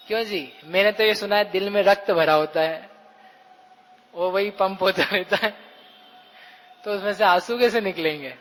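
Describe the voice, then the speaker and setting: High-voiced man teaching in a hall. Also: a bit bright. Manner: questioning, addresses listeners directly; acts out quoted everyday speech. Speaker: Jain scripture teacher. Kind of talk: religious discourse.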